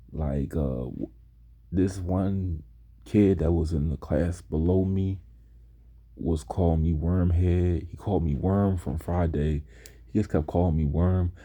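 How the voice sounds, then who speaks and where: A young man casually telling stories about high school, laid back and slow, now and then mimicking his classmates' voices. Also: mellow, husky. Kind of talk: casual storytelling.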